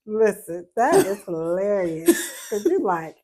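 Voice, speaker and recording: A woman co-hosting a casual podcast, often agreeing with her partner and teasing her playfully. She talks in a plain mid-pitched voice that turns light and giggly when something amuses her. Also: sing-song, unhurried, a crowd in the background. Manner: affirming listener, laughs easily, teasing. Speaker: podcast co-host. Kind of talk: casual chat.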